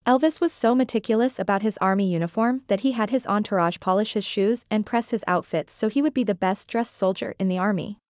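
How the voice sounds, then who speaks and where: Brisk and with few pauses, a woman reads her scripted review narration into a close mic, with no echo. As a reviewer and author, her medium-pitched delivery is earnest, opinionated, and evenly read.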